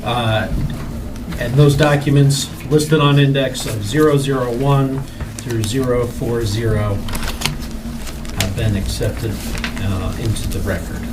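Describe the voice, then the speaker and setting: A man's voice: medium pitch, slow. An American man chairing a public hearing in procedural meeting talk. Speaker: review board chair running a public hearing. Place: public meeting room with room microphone. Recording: distant mic, noisy meeting room.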